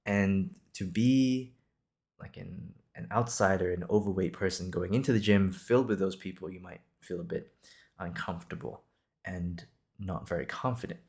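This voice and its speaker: A Singaporean man in his twenties hosts an improvised podcast, his low voice slightly mellow and moving at a normal speed. He talks casually, sounding reassuring, encouraging and conversational.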